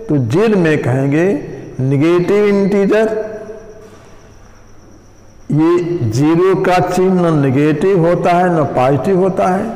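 A male school maths teacher giving a slow, step-by-step classroom lecture, mixing in English terms. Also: fairly high pitch, darkish tone. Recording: echoey room with long reverb.

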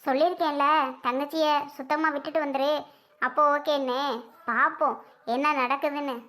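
A woman's voice: high-pitched, fairly even intonation, moderate pace, pushed and bright. A woman playing a mother who nags her pregnant daughter to eat, insistent and scolding, in a family drama skit. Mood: probing. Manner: nagging, insistent.

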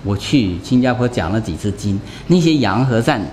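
A man's voice: mid-range voice, lively intonation, normal speed, darkish tone, slight background noise. A man, a Buddhist monk, giving a conversational dharma lecture, talking in a chatty way and often tossing rhetorical questions to his listeners.

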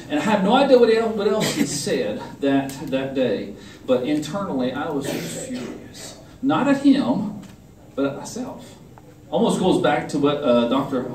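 Middle-aged male conference speaker, animated testimony, slightly high voice, roomy hall sound with the mic set back. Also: distant mic, slight background noise. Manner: animated storytelling, acting out the quotes. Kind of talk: personal testimony sermon.

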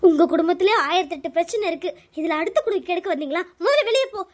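A woman's voice: very high-pitched, lively intonation, racing. A woman doing a tearful pregnant young wife. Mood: upset. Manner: pleading, tearful. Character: frightened pregnant young daughter-in-law, pleading. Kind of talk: cartoon voice acting.

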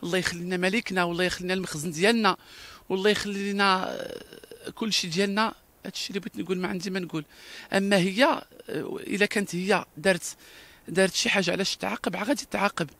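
A man with a Moroccan Darija accent talks at a breakneck pace in a fairly high voice. His delivery is emphatic and repetitive, full of restarts. The recording is close and dry. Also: fairly even intonation, rapid-fire, pauses often, pushed and bright, no room sound. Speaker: interviewee. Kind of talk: casual interview talk.

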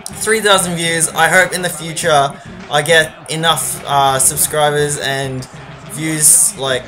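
A man's voice: fairly high pitch, steady tone, slow, bright, forceful tone. A man commentating a football video game in a casual, rambling voice-over with many fillers. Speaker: gaming channel host.

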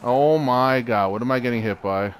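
A man's voice: medium pitch, normal speed, slight background noise. A man chatting casually while playing a co-op game, often exclaiming and laughing. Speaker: gamer. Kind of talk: casual co-op gameplay chat.

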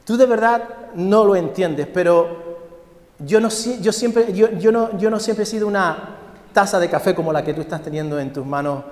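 A man's voice: sits high, moderate pace, darkish tone, close to an everyday voice. A man voicing a talking clay cup, female and pleading, crying out for the pain to stop. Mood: weary. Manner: wailing cries for it to stop. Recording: echoey hall.

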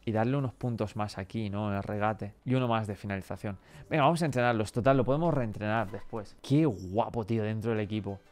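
A young man with a Spain Spanish accent giving casual, excitable commentary on his football game, bursting into shouts at good luck. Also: lowish voice, quick pace. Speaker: gaming YouTuber.

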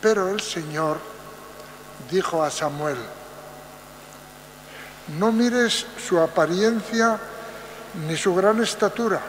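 An older man reads scripture at a lectern, pacing every phrase slowly and carefully. His voice sits quite high for a man. The church around him is roomy and reverberant, with a faint mains hum beneath. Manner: very slow, measured, deliberate phrasing. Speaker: lay reader. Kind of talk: liturgical Bible reading. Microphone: lectern mic.

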